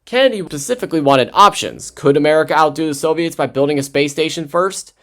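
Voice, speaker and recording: Male history narrator, casual and chatty, slightly high voice with a lively melody. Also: fast talker. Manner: chatty asides, frequent self-corrections. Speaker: history video host.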